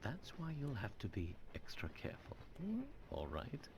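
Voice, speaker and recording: A calm, polite professor-detective from an animated mystery game. His middle-aged voice has a fry at the edges and expressive pitch swings. He measures his words thoughtfully, with clear noise behind him. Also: unhurried, exaggerated voice. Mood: gently cautioning.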